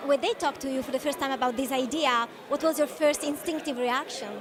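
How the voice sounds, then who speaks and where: A woman's voice: high-pitched, fairly even intonation, fairly quick. A woman working as a red carpet host, interviewing a guest at a film festival. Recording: crowd chatter behind, outdoor event. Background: crowd chatter.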